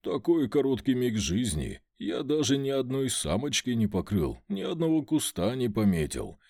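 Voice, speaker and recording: A man's voice: medium pitch, very animated, moderate pace, creaky, a little mellow, no room sound, studio quality. A man voicing a sly mocking talking dog. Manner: mocking, sighing.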